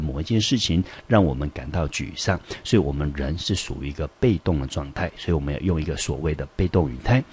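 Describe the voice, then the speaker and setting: A middle-aged man with a Taiwanese Mandarin accent teaches English vocabulary methodically, repeating each term and reading the example sentences slowly. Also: rumbling low, a little mellow, slightly rough. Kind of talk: vocabulary lesson.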